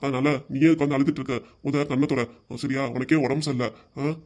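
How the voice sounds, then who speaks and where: A man voicing a calm, lecturing middle-aged husband in a cartoon comedy, with a southern Tamil Nadu accent. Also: mid-range voice, fast talker, lightly acted. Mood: reassuring. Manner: coaxing, lecturing.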